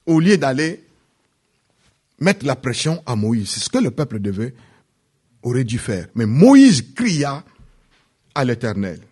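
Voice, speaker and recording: A man preaching a sermon, repeating phrases and swinging from loud peaks to hushed drops. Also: medium pitch, lively intonation, a little slow, long pauses, husky. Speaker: pastor.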